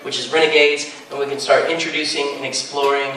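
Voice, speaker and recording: A man's voice: medium pitch, fairly even intonation, fairly quick, sharp tone. A man, a comic book writer on a panel, talking eagerly and rambling, with many fillers and restarts. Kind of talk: casual panel talk. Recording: echoey hall, speaker far from mic, faint noise.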